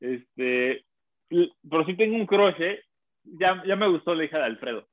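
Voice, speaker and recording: A man's voice: a little high, animated, moderate pace, no room sound. A man, co-hosting a casual chat and joking around with silly impressions. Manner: jokey, laughing, does silly impressions. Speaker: podcast co-host. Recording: tinny phone-like line.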